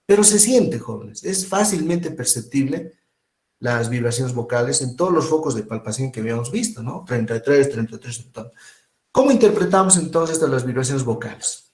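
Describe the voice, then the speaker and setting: A man giving an informal medical lecture, lively and rhetorical, often asking "right?" and mimicking voices. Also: medium pitch, moderate pace, reverberant.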